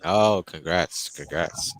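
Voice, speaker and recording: A man's voice: sits low, takes it slowly, background noise. A man chatting casually with friends in a playful, joking way. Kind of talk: casual online chat.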